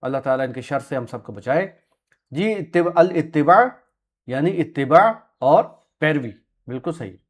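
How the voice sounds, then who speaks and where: A man's voice: medium pitch, moderate pace. A man teaching Quranic Arabic words to a class, patiently correcting pronunciation and confirming answers. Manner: clears throat often, soft short confirmations. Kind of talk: classroom lesson with students.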